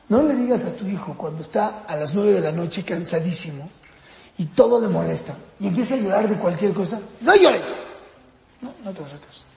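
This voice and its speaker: A man teaching a parenting course in a casual, lively lecture style. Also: creaky, roomy sound, in a large hall. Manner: lively, jumps up and down in pitch acting out parents and kids.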